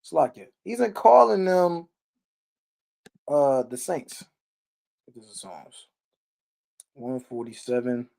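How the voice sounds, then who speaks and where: His medium-pitched voice swings widely in pitch, sounding creaky and darkish as he moves slowly with frequent pauses. He's a live-stream Bible teacher giving an informal verse-by-verse read-along commentary. He's blunt, emphatic and salty-tongued, often checking in with quick questions and tags.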